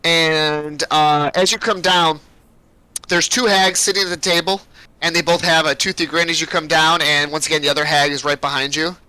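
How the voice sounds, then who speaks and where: A man runs a tabletop game in a bright, slightly high voice, narrating loosely with lots of "uh" and "um". The sound is close and dry, with no room at all. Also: steady tone, normal speed, clear, resonant tone, no echo, poor audio. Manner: loose, rambling narration with fillers. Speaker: game master.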